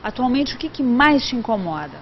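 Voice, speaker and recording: A woman's voice: fairly high pitch, sing-song, brisk, slight background noise. A woman with a Brazilian accent presenting and reporting in the style of scripted television news. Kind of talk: scripted TV news narration and interviewing. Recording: dull sound with music behind.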